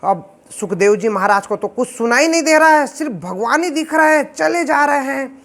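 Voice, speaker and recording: A man telling a devotional scripture story, slow, emotive and preachy. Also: very high voice, expressive, a bit bright. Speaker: religious storyteller.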